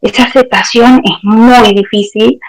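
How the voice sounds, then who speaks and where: A woman therapist answering interview questions in a reflective, searching way, with pauses. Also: on the high side, fairly even intonation, rough recording. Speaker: therapist guest.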